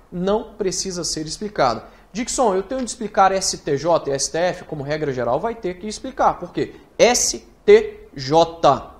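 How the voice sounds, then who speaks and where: Lively Brazilian teacher explaining rules. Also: male voice, high voice. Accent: Brazilian Portuguese. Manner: lively, talks straight to the student with rhetorical questions; spells acronyms out slowly letter by letter. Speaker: writing teacher. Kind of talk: recorded online lesson.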